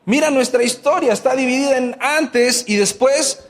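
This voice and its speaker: A man's voice: very high voice, moderate pace, long reverb tail. A man preaching a sermon as pastor, asking his congregation many questions and acting out everyday complaints.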